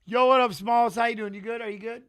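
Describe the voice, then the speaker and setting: Man, middle-aged, high voice, excitable, casual live fight commentary, chatty with the chat. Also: fast, clear, resonant tone. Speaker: watch-along host and fight commentator.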